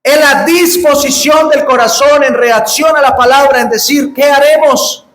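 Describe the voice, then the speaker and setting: A man preaching a sermon to a congregation in an earnest, pleading way, slowing down and rising to emphatic calls. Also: extremely high pitch, fairly bright tone. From Colombia. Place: church hall. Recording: echoey church room.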